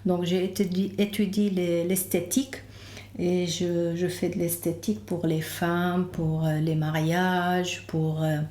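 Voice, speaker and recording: Speaking slightly slowly in a warm, fairly low voice with little pitch movement, a woman from Lebanon shares her story as a podcast guest. Her Lebanese accent comes through as she hunts for words in this casual interview, recorded in an echoing, roomy space.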